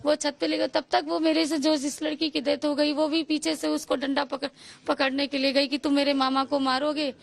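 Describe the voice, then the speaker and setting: High-pitched gravelly woman, 40s, mum telling a reporter what happened, repeats herself a lot. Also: brisk. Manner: tells events in a steady stream, acting out quoted speech and repeating phrases. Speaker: victim's mother interviewed by reporter. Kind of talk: tearful-free eyewitness account in a news interview.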